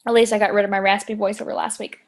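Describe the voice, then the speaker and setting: A podcast host races through a chat show in a mid-range voice with little pitch movement, reading from a book and explaining it enthusiastically and emphatically, repeating her points. A tickle in her throat brings occasional coughs.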